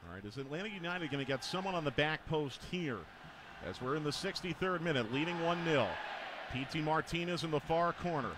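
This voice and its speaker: A man calling a soccer match play-by-play, rising in pitch as attacks build. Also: brisk, background noise. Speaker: play-by-play commentator. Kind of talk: radio-style soccer commentary.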